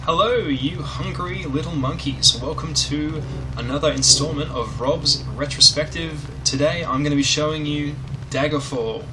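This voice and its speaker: A man's voice: on the high side, normal speed, noisy background. Wry man, a bit far from mic. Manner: wry, irreverent. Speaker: host of a retro game review show. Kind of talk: casual joking game commentary. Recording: slightly distant mic, music behind.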